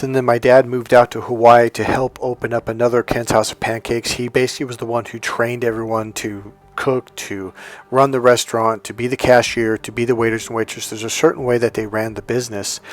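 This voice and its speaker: A middle-aged American man telling personal stories casually, wandering off on tangents and speaking straight to the viewer. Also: mid-range voice. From California, United States. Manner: conversational, digressive, addresses viewer directly. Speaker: dating coach telling personal history. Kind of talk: casual autobiographical storytelling to viewers.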